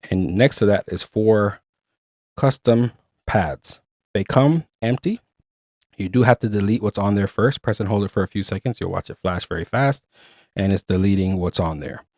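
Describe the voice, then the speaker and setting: Low-voiced man reviewing gear. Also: normal speed, darkish tone, no echo, studio quality. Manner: chatty, explains step by step. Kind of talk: casual product review.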